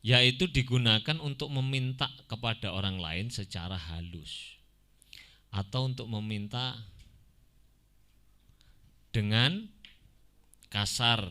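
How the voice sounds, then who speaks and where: A man teaching an Arabic grammar lesson, explaining slowly, chanting Quranic examples and slipping into asides. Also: fairly low pitch, pushed and bright. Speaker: religious teacher.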